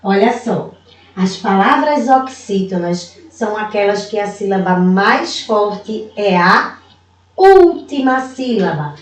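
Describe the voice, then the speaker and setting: Slow patient woman teacher, roomy echo. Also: medium pitch, lively intonation, distant mic. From Brazil. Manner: slow, patient, stretches out words and syllables; calls herself auntie, speaks warmly to young pupils. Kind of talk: recorded video lesson for children. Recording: roomy echo, voice away from the mic.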